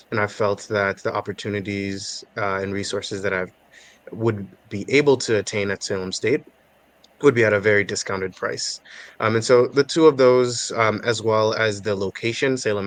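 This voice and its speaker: A young man from Haiti in his twenties, a guest on a podcast interview, answering in a measured, thoughtful way with many filler pauses. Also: fairly low pitch.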